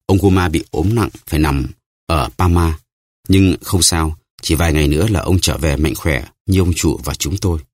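A man's voice: a bass voice, normal speed, darkish tone, no echo, studio quality. A man voicing an old sunburnt sailor who reports in a plain, earnest way in an audiobook.

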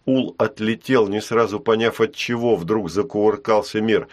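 Low-pitched man, narrates a fantasy audiobook, even and measured.

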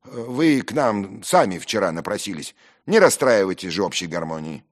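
A man's voice: on the low side, sing-song, moderate pace, pitched above the performer's own voice. A man voicing a blunt young man who speaks rudely and curtly. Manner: curt, rude.

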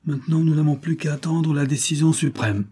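A man's voice: fairly low pitch, normal speed, warm tone, breathy edge. A man voicing Judex, an earnest anxious young avenger. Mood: tense.

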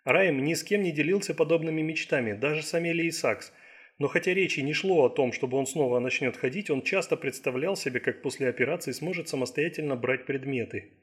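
A man narrating an audiobook thriller in a steady, measured reading. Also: a little high, breathy edge. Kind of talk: scripted narration.

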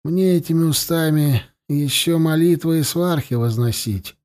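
A man's voice: on the high side, measured pace, a little mellow, lightly acted. A man reading an audiobook, voicing a cold, smug middle-aged priest who talks down to his prisoner. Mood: cold mocking. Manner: cold, mocking and condescending.

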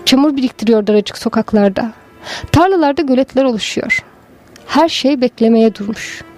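A woman giving a slow, measured, lyrical literary narration of a story. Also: on the high side, darkish tone, soft background music. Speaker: story reader.

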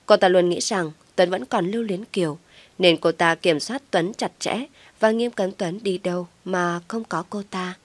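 A woman tells a family drama in a steady storybook voice. Her voice sits slightly low, and the sound is dry and close. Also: normal speed, no room sound. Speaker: narrator. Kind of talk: storybook narration.

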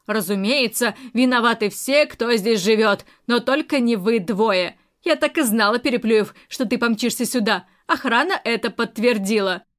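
A woman's voice: a little high, moderate pace, few pauses, lightly acted. Woman voicing a mocking, domineering older aunt. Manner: mocking, scornful.

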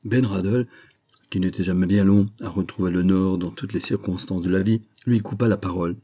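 A man reading a classic adventure novel aloud as an audiobook narrator, measured and even. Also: sits low. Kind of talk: scripted narration.

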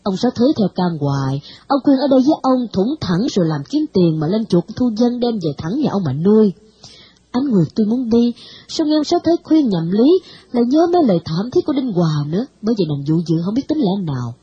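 Breathy woman narrator. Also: fairly high pitch, fairly quick, lo-fi sound. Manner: expressive storytelling. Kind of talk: audiobook narration of a novel.

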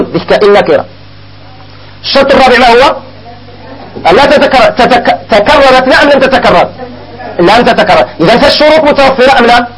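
A man with a Moroccan accent teaching an Arabic grammar lesson, asking questions and answering them himself and repeating examples slowly. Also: extremely high pitch, poor audio.

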